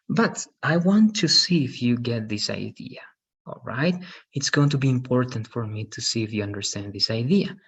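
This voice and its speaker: Over muffled, dull lo-fi audio from a video call webcam, a husky, mid-range male voice explains an online class. The speaker is an English teacher in his thirties who talks slowly and patiently, ending sentences with "right?".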